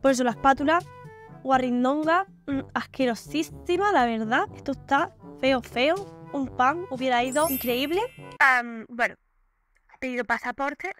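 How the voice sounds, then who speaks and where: Brief: young woman beauty vlogger, high bright voice, gushy and playful, faint music behind. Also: moderate pace. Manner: chatty and gushing, with playful slang. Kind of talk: casual product review vlog.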